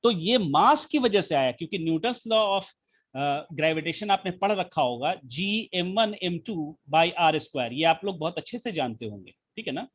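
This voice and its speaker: A man teaching a physics class online, explaining slowly with many repetitions and rhetorical questions, speaking with the mic held right at his mouth. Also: a little high, lively intonation, fairly bright tone. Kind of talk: live online class lecture.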